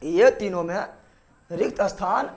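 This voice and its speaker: With a high but darkish voice, a young man teaches biology in classroom-lecture style. Rapid-fire questions to the class and repeated key terms are central to how he teaches.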